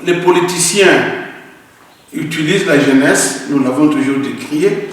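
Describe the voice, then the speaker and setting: A man's voice: on the high side, measured pace. A man from Congo, answering interview questions earnestly and emphatically, often repeating words as he searches for them. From Congo (DRC). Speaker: guest. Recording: echoey roomy hall from a distance, faint noise.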